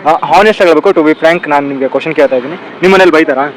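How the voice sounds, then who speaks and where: A man's voice: fairly high pitch, racing, low-quality recording. A man doing street interviews, teasing people and repeating their answers back to them. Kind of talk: street vox-pop interview. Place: busy street outdoors. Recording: traffic noise behind.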